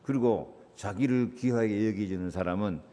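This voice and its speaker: A man's voice: moderate pace, big-room sound. A male pastor preaching a sermon, repeating key words for emphasis and calling on the congregation to answer and greet each other. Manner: preaching with big swings in pitch and loudness, repeating key words; asks the congregation to answer and greet one another. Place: church sanctuary.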